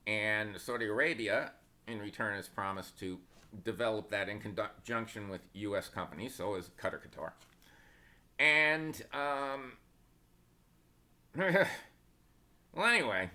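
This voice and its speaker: A man's voice: on the low side, a little slow, pauses often, sharp tone. A man giving casual stock market commentary, opinionated and sarcastic, wandering into asides.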